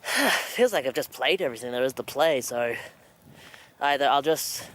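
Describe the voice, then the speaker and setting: A man's voice: mid-range voice, expressive, normal speed, a bit bright. A young Australian man chatting casually to a handheld camera, breathing heavily as he walks outdoors. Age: young adult. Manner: heavy breathing while walking. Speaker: vlogger. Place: outdoors at night, walking in a suburban riverside area. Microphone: handheld camera at arm's length.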